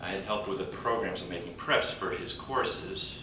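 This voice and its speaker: Recorded at a distance by a computer, an older man speaks into a podium mic in a large conference hall to introduce a colleague. He's folksy and halting with frequent pauses, and the recording carries echo and a background rumble.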